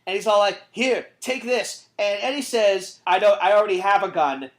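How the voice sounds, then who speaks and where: A woman with a medium-pitched voice chats casually about films as a co-host. She is enthusiastic and sweary, acting out scenes as she retells them. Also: a little fast. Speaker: podcast co-host. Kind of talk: casual film discussion.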